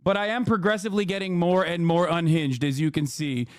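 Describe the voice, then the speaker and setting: A man's voice: high-pitched, steady tone, fairly quick, dry recording, studio quality. A man in his thirties, a streamer giving casual, profane, mocking commentary on a clip of himself.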